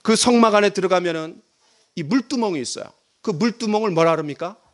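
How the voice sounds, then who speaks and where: A middle-aged male pastor delivers a dramatic sermon, his high voice lurching from loud emphasis to hushed near-whispers as he leads the congregation in reading aloud. He talks fast, with lively intonation.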